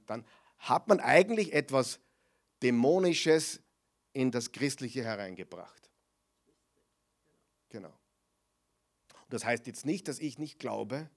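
A man preaching a sermon, often asking the congregation questions and swinging from loud declarations to quiet asides. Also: mid-range voice.

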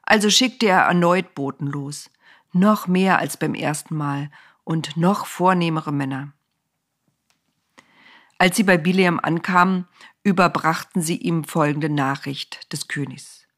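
A woman narrating a children's storybook aloud in an expressive, lively way. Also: low-pitched, a little slow.

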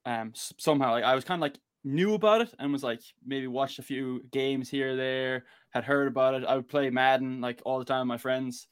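A man from Galway with a west of Ireland accent, talking informally and rambling a little as a guest on a casual podcast. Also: medium pitch. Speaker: interview guest, American football player.

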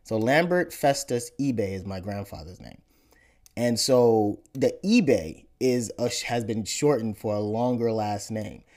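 Speaking a little slowly in a voice on the low side, a Nigerian podcast host in his thirties explains where his family comes from. The interview feels laid-back, and he tends to repeat words as he gathers his thoughts.

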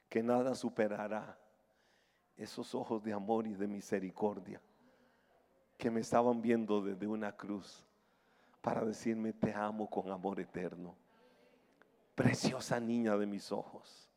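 Emphatic male pastor preaching. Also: fairly low pitch. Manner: emphatic, storytelling, swings from hushed to loud. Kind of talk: sermon. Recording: long hall reverb, faint music.

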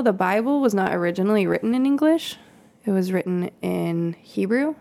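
On a podcast, a children's pastor leads an informal Bible study, talking in a relaxed, rambling, chatty way full of ums, little laughs and laughing asides. Her mid-range voice carries a noticeable creak.

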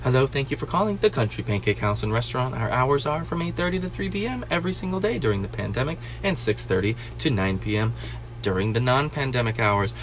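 A man voicing a deep, quiet, rushed answering-machine recording for a restaurant, delivered flat and formal. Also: slight background noise.

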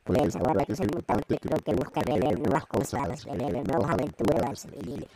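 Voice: mid-range voice, animated, normal speed, over a noisy crowd. A performer voicing an injured mutant man with a cow face, through a robot voice filter, stammering and pleading. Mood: curious.

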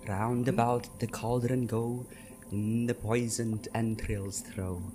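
A man's voice: medium pitch, level tone, slow pace, noisy background, natural voice. A man voicing a sinister, commanding witch in a dramatic Shakespeare reading, with incantatory delivery. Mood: ominous chanting. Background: ominous music.

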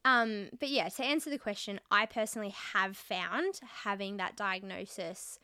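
A young woman hosts a casual podcast chat, open and talkative. Her voice is bright and forward. The sound is dry and close. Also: medium pitch, moderate pace, clear, resonant tone, no room sound. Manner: candid and chatty, with frequent fillers. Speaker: podcast host.

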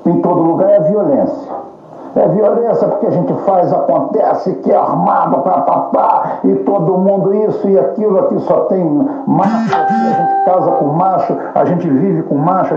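A man delivers a casual political monologue, combative and ironic and full of curses. His voice sits a little high. The recording is dull and lo-fi in a roomy space, with faint music behind. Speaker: political commentator.

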